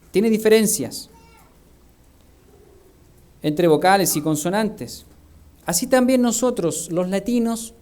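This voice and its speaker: A man's voice: high-pitched, dark tone. A male minister with a Chilean Spanish accent, preaching a sermon full of rhetorical questions. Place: church.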